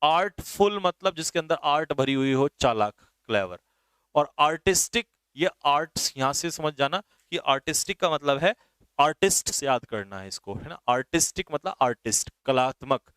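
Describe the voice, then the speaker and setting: A man's voice: a little high, expressive, moderate pace, fairly bright tone, clean tone, no room sound. A man teaching English vocabulary for an exam, often checking whether his students have understood. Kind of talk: exam vocabulary lesson in Hindi.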